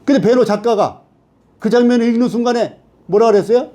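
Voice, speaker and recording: A man's voice: very high-pitched, a little fast, mellow. A man teaching a Bible study class who keeps asking the class questions and then answering them himself.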